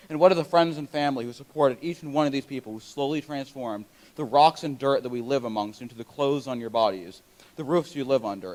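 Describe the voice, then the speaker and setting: A teenage boy gives a prepared closing speech at a school assembly. He speaks into a microphone with an earnest, recited delivery. His voice sits at an ordinary middle pitch. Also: a little mellow, rough recording. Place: school gym or auditorium. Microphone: handheld microphone.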